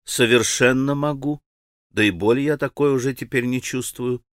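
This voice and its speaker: Guy doing a quiet polite young man, low-key, dry close sound. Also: moderate pace, no echo, close to an everyday voice. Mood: calm. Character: gentle mild young man, soft-spoken.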